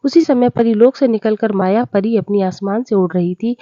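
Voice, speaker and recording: A woman reads a moral tale as scripted narration, steady and plain in her delivery. Her voice is mellow, and the recording is dry with a slightly dull, lo-fi sound. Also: medium pitch, normal speed, no room sound. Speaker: storyteller.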